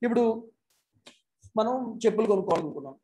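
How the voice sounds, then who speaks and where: Mellow-voiced man giving an online lecture. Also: sits high, animated, fairly quick, low-quality recording. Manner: mixes English phrases into Telugu and asks rhetorical questions. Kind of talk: explanatory talk in an online lecture. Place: speaking remotely to an online class. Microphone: external mic plugged into a laptop.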